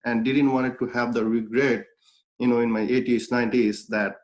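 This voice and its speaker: A young native Bengali speaker from Bangladesh, guesting in an interview as a clothing brand founder, talks through his life story with earnest reflection and many fillers and restarts. His mid-range voice sounds darkish, with a level tone and moderate pace.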